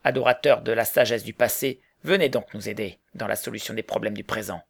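An earnest middle-aged mill owner argues his case in a measured, serious way, as a man reads him aloud. The voice is heavily gravelly with a rough, creaky edge. It plays out like an audiobook scene. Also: fairly low pitch, no room sound, studio quality.

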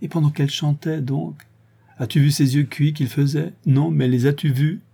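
A man voicing an eager little boy who chatters with excitement in a read-aloud novel. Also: a little high, normal speed, vocal fry, breathy edge, pitched above the performer's own voice.

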